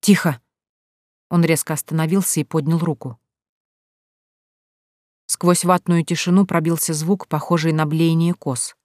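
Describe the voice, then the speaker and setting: A steady audiobook narrator reads the story in an even, measured way. The voice sits at a middle pitch, and the recording is dry and close. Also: no echo. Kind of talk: scripted narration.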